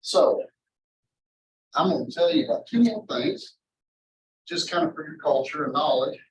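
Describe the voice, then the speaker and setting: A man's voice: a little high, big pitch swings, slight background noise. Rambling male math lecturer, echoey and distant. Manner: rambling, digressive, halting with self-interruptions. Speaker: university math professor lecturing. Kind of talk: informal classroom lecture. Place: indoor classroom.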